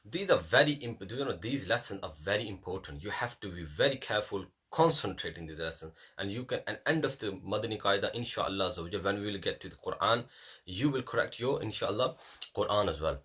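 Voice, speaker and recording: Husky, bright-toned male Qur'an teacher. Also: fairly low pitch, expressive, a little fast. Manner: repetitive, drills letters aloud, mixes in Urdu phrases. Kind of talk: classroom lesson.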